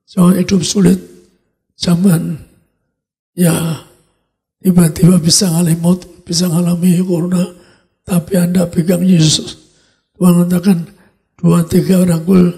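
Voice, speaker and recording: A man's voice: high voice, gravelly, warm tone. An older man preaching a sermon as pastor, emphatic and repetitive, dropping in English words. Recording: live-streamed church service.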